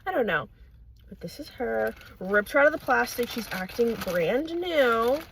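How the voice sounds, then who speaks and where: A young adult woman chatting casually and excitably as she films an unboxing, given to gushing exclamations. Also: fairly high pitch, measured pace, vocal fry, a little hiss or hum. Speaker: unboxing vlogger.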